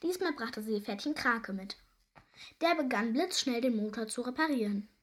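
A young woman reading a children's story aloud, lively and expressive. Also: on the high side, moderate pace. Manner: lively, warm storybook narration.

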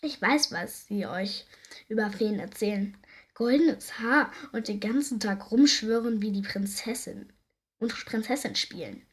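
A woman doing a gruff little garbage fairy. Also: on the high side, a little slow. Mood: grumpy. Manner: gruff, blunt, sad underneath. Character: grumpy little furry female garbage fairy. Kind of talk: storybook reading.

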